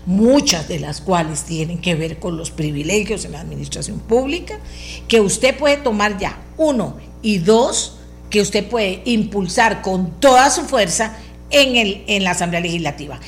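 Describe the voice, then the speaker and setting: A woman with a Costa Rican accent and a powerful, expressive mid-range voice hosts a talk show, speaking unhurriedly. Her political commentary to listeners is opinionated, insistent, and emphatic, repeating phrases for stress. A little hiss or hum is present.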